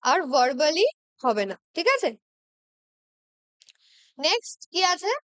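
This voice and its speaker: Woman tutor, Bengali accent, high voice, dry close sound, patient, spells English sentences out slowly. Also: very animated, a bit bright, dry recording. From West Bengal, India. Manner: patient, checks in with "ঠিক আছে?" constantly. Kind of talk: exam-prep lesson.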